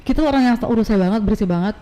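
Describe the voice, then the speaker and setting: Animated woman telling stories, echoey room. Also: medium pitch, very fast. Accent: Indonesian. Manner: animated storytelling, acts out quoted people. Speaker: guest speaker. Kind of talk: casual talk show chat. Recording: echoey room, faint background noise.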